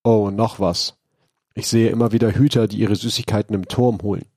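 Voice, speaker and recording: A man reading aloud as a gruff, scheming male crime boss who snarls his demands. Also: fairly low pitch, fairly even intonation, fairly quick, a little mellow, no room sound, clean studio sound. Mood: angry.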